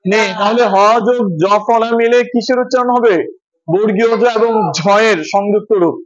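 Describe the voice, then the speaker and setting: A man's voice: high-pitched, fairly even intonation, normal speed, highs cut off. A man teaching a children's lesson, breaking words into parts and repeating each syllable for his pupils to echo. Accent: Bangladeshi Bengali.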